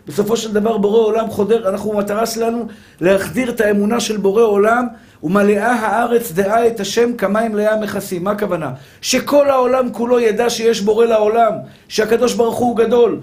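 High-voiced man preaching a fervent sermon. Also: darkish tone. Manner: fervent, repetitive preaching that addresses listeners as brothers. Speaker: rabbi.

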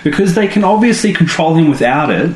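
Expressive and fairly quick, with a darkish tone, this podcast co-host casually reviews a TV episode. He's playful, now and then leaping into silly character voices with abrupt pitch jumps. The room is echoey, with faint noise in the background.

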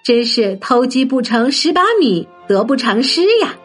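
A woman narrating a children's story in a gentle, sing-song manner, addressing young listeners. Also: fairly high pitch, expressive, moderate pace, breathy edge. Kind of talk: scripted bedtime story narration. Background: soft background music.

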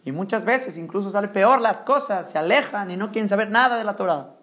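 A man's voice: high voice, brisk, a bit bright. A man giving an emphatic Torah sermon, asking rhetorical questions and mixing Hebrew terms into his speech.

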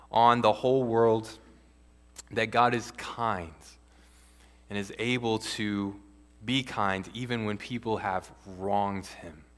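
A man preaching a sermon as pastor, earnest and measured, with occasional restarts. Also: medium pitch, a bit bright. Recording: long hall reverb.

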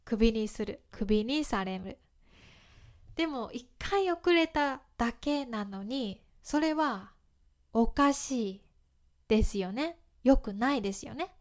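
A woman teaching phrases in a casual podcast, speaking slowly and clearly with a light tinge and short English glosses. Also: sits high. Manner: slow, clear explanations mixing in English glosses. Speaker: Japanese language teacher.

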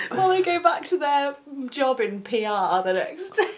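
A woman's voice: sits high, a little hiss or hum. A woman co-hosting a casual comedic podcast, teasing and laughing a lot. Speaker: podcast co-host.

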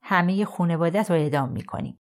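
A woman's voice: sits low, darkish tone, natural voice. Woman voicing a threatening male lawyer. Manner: trying to sound threatening.

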